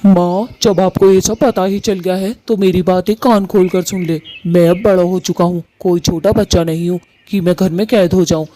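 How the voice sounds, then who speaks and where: A man's voice: high-pitched, steady tone, normal speed, hardly any pauses, warm tone, close to an everyday voice. A man voicing a young male bird in a cartoon who coaxes and then defies his mother. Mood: defiant. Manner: defiant, wheedling. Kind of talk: Hindi cartoon voice acting.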